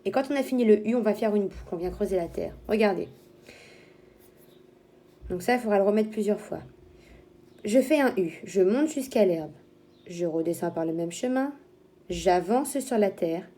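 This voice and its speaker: Mellow-voiced teacher guiding young children. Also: female voice, mid-range voice, expressive. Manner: slow, step-by-step explaining with simple imagery. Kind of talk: handwriting lesson for young children.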